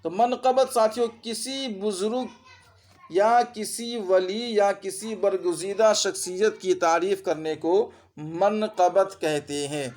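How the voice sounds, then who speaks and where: A man teaching an exam-prep Urdu grammar lesson with an Urdu accent as spoken in India, repeating terms and asking his students quick checking questions. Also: high voice, darkish tone.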